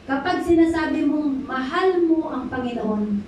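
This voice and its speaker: A middle-aged woman pastor preaches a sermon in a church hall, drawing amens from the congregation and slipping into English at times. Her voice is high-pitched, animated and a little mellow, with a measured pace. The recording is echoey and distant, with a slight hiss or hum.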